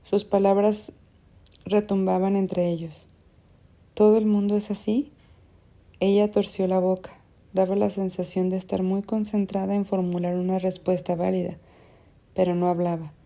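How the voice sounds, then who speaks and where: A woman reading literary fiction aloud as an audiobook narrator, in a measured, even way. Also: medium pitch, gravelly.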